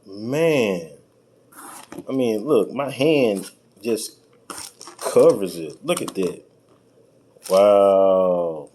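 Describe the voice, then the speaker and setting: A low-pitched, expressive American man talks very slowly with frequent pauses and a dark tone, chatting casually in a folksy, colloquial way while unboxing car audio gear on camera for his review vlog. The home-video recording is clearly noisy.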